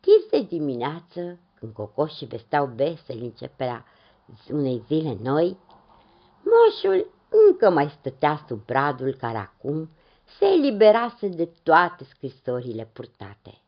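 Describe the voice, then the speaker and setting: A woman narrating a children's Christmas story in an expressive, lilting storybook style. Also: deep voice. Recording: dull lo-fi recording.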